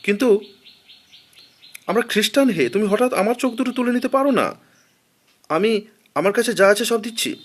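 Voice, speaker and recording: A man's voice: huge pitch swings, normal speed, breathy edge, heavily acted. A man voicing a terrified male traveler who pleads with a robber in a raised, pleading voice. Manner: high, pleading, breathless.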